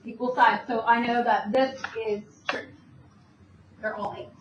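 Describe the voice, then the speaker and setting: A woman with a high voice teaches math, going step by step and answering the questions she asks the class. She sounds far from the mic in a roomy space. The recording is dull, with a faint hiss behind her. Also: fairly even intonation, measured pace. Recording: distant, dull, echoey room with faint noise.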